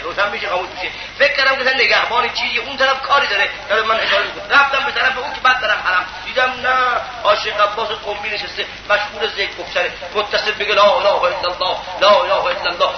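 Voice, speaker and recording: A man preaching a sermon in a very high voice, pressing his listeners with pointed rhetorical questions. The sound is dull and lo-fi, with clear noise behind him. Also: reverberant. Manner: emphatic, rhetorical questions to the audience.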